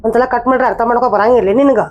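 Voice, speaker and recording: Woman playing an angry wife, North Karnataka accent, rapid-fire scolding, high voice. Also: fairly even intonation, highs cut off, a little hiss or hum, close to an everyday voice. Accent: North Karnataka Kannada. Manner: scolding, argumentative. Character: angry wife who left her husband. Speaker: wife and mother in a comedy skit. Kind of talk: village comedy skit acting.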